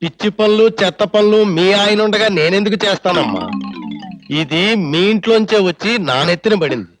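An actor playing an older neighbor uncle in a comedy, mocking and reproachful. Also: male voice, high voice, lively intonation, a little fast, faint music behind. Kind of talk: Telugu film comedy acting.

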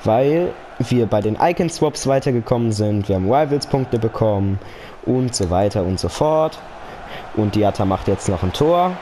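A man's voice: on the low side, animated, moderate pace, dark tone, slight background noise. A young man giving casual, slangy live commentary on a football video game, with earnest pep talk mixed in. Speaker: gaming YouTuber.

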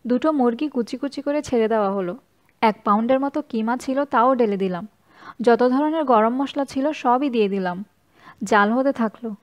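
Woman audiobook narrator, first-person story, measured, slightly high voice. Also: muffled recording.

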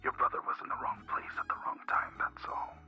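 An actor voicing a surly, menacing thief in a video game, husky and gravelly, in an overacted anime-dub manner. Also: male voice, quick pace, whispered. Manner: overacted anime-dub villain delivery, gruff hushed menace. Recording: dull, muffled phone sound with music.

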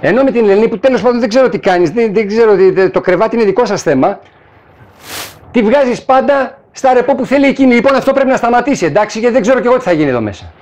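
A man voicing an angry male office worker who complains loudly and makes insinuations. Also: very high voice, expressive, pitched above the performer's own voice. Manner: loud, heated, insinuating. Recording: slightly dull lo-fi recording.

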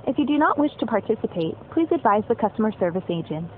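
A woman's recorded phone menu message, a polite, measured scripted announcement for a customer service line. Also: mid-range voice, very animated. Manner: polite, measured, evenly paced. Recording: tinny phone line with faint hiss.

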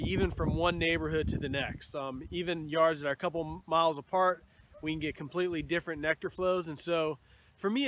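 This casual instructional vlog features a thirtysomething beekeeper with a highish voice, filming himself on a phone held at arm's length in a bee yard. He talks easily with fillers while faint sounds of the outdoors come through.

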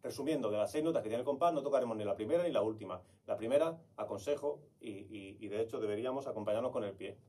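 Fast-talking husky teacher. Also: male voice, fairly low pitch, warm tone, far from the mic. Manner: explanatory, counts beats aloud. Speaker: flamenco palmas teacher. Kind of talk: online music lesson.

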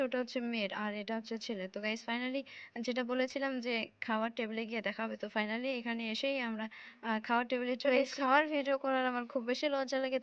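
A woman's voice: fairly high pitch, smooth, no room sound. A young woman from West Bengal chatting casually to her viewers in a vlog, with lots of fillers, calling them guys. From West Bengal, India. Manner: speaking softly in a hushed voice. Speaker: vlogger. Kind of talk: casual vlog chat to camera. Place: village home, indoors and outdoors. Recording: dull lo-fi phone audio with faint noise.

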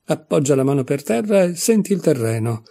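A man's voice: on the high side, very animated, a little fast, vocal fry, dark tone, slightly rough, pitched above the performer's own voice, exaggerated voice. A man reading aloud, voicing a proud, touchy tiger lily flower in a storybook, haughty and scolding.

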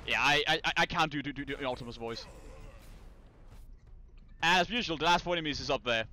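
A man's voice: a little high, brisk, sharp tone. A man hosting a co-op game stream, chatting casually, stammering and swearing often. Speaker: streamer host. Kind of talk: casual co-op gaming chat.

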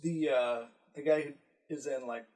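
A man's voice: mid-range voice, fairly even intonation, normal speed, darkish tone, husky, recorded from a distance, low-quality recording. Brief: male co-host a little away from the mic, easygoing, agreeable. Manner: agreeable, frequent short yeses. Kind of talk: casual chat.

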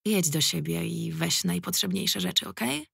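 Lady reading a worn-out gruff cop boss, firm and fatherly, husky and dry. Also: on the low side, normal speed, a bit bright, dry recording, heavily acted. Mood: firm, weary. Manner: firm, tired and plain-spoken. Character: weary middle-aged male police commander, gruff but fatherly.

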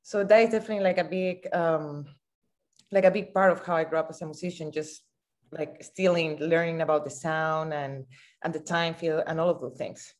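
Low-voiced young woman on a video call. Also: fairly even intonation, normal speed. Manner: thoughtful, many fillers like "you know" and "like". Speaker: saxophonist and composer. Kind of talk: casual conversation. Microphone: video call mic.

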